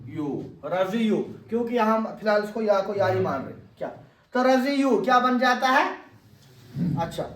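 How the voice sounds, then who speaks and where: A man's voice: high voice, a bit bright. A male grammar teacher giving a classroom lesson and quizzing his student with repeated questions. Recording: echoey room, voice from a distance.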